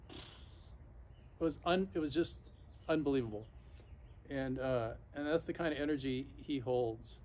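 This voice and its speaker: A man in his fifties or sixties talks casually and unscripted to a camera a few feet away, reflective and halting, pausing mid-sentence. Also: mid-range voice, a little mellow. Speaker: vlogger. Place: backyard patio outdoors, sitting in an ice bath. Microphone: camera or phone a few feet away. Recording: outdoor noise, camera some feet away. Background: clear outdoor ambient noise.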